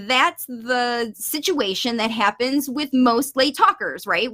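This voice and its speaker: A middle-aged woman speaks into her webcam from a home office, reading out parents' questions and explaining her answers patiently. Her voice is bright and sits a little high, and she pauses now and then to correct what she reads. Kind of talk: video Q&A, reading parent questions aloud and commenting. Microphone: webcam on a video call.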